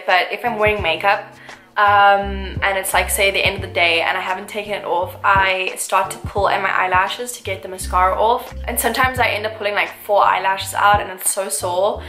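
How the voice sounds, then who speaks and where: In a get-to-know-me vlog, a twenty-something English-speaking woman gushes to the camera from an armchair in a small indoor room, using lots of fillers. Her mid-range voice is bright and forceful, and the camera mic, framed medium, catches room echo and faint music.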